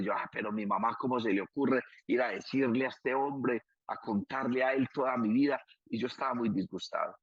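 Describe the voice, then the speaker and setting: Husky colombian man telling his testimony. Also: medium pitch. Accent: Colombian, Antioquia. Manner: emotional, emphatic, slows down on key moments. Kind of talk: personal testimony, conversational storytelling. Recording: dull lo-fi sound.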